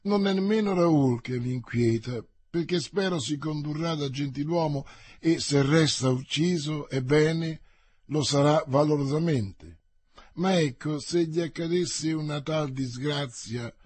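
A man's voice: a little high, a little slow, a little mellow, husky, no echo. A man voicing a grave, solemn nobleman. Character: grave, melancholy older male nobleman. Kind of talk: audiobook reading.

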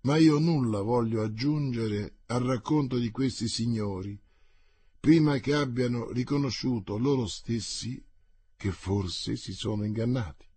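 A man voicing a calm, grave nobleman who speaks low and steady. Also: unhurried, breathy edge, no room sound.

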